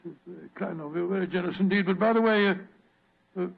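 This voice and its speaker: A fussy, good-natured British gentleman doctor in a vintage radio mystery. His voice sits high for a man and creaks, and he blusters politely, stammering and repeating himself. The recording is dull and old. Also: fast talker, heavily acted. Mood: flustered, courteous. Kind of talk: old-time radio drama acting.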